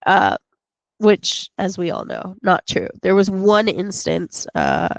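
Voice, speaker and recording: A woman's voice: medium pitch, huge pitch swings, slow, no echo, rough recording. A woman co-hosting a podcast, retelling a film casually with many fillers and restarts. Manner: rambling retelling full of fillers and restarts, acting out quotes. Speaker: podcast co-host.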